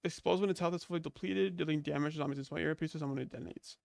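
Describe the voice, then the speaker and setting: Going over game leaks in casual commentary, this young YouTuber talks very fast in a fairly high, creaky, slightly mellow voice, still recovering from a cold. He rambles with lots of fillers and restarts, recorded at studio quality with no echo.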